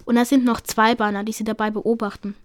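An earnest young she-cat apprentice who insists she is right, read out by a woman in a storybook reading. The voice sits a little high, close and dry, with small slips in the reading. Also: flat delivery, fast talker, no room sound, lightly acted. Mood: insistent.

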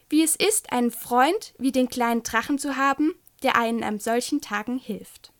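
A woman reading a children's book aloud and talking gently to young listeners. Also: high-pitched. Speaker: storyteller.

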